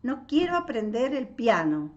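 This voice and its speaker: A woman with an Argentine accent reading the part of a stubborn little boy at his piano lesson, lifting her voice higher and louder. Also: big pitch swings, measured pace. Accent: Argentine Spanish. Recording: dull lo-fi audio.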